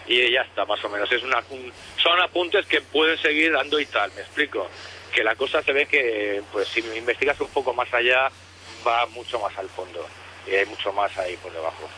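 A man from calling in to a radio show over the phone, talking in a halting way and piling up details with many restarts. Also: medium pitch, sharp tone, slight background noise. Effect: heard over a phone line. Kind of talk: call-in conspiracy talk.

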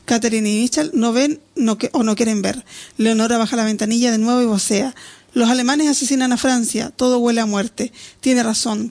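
A woman narrates an audiobook in a steady, descriptive manner. Her voice carries a gravelly, creaky texture throughout. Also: a little high.

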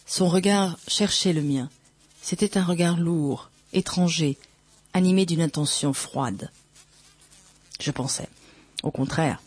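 A reader narrating a first-person literary novel aloud in a slow, measured, dramatic way. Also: medium pitch, darkish tone, no echo. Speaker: audiobook reader.

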